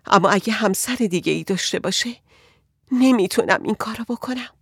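A woman's voice: mid-range voice, vocal fry, breathy edge, no room sound, clean studio sound. A woman voicing an anxious married woman who pleads and frets about her husband in an audiobook. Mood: distressed. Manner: agitated, pleading.

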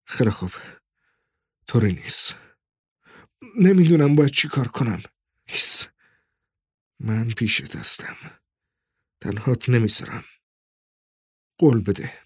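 Hunted father, stern and protective, hushed urgent delivery by a male reader, husky. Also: medium pitch, big pitch swings, long pauses, dry recording, clean studio sound. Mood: soothing.

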